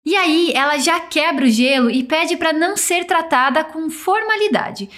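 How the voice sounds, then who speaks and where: A woman teaching a language, modelling short phrases slowly for listeners to repeat. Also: very high voice, fairly bright tone. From Brazil. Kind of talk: guided pronunciation drill.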